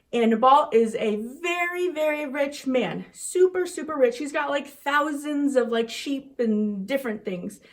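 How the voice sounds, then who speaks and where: Animated woman telling kids a Bible story. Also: sits high. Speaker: children's ministry teacher.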